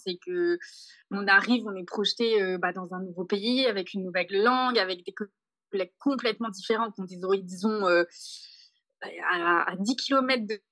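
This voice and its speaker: Fast-talking young French woman, bright voice. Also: medium pitch, no echo. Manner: fast, with many fillers and restarts; sprinkles English words into French. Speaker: interviewee, backpacker. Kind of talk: casual conversational interview. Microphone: podcast mic.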